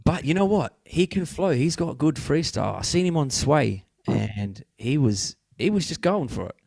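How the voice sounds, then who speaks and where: Male podcast co-host, low and gravelly, loose chatty delivery, dry sound. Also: big pitch swings, normal speed, darkish tone, no echo. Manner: chatty, swears freely, laughs a lot. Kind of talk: casual chat.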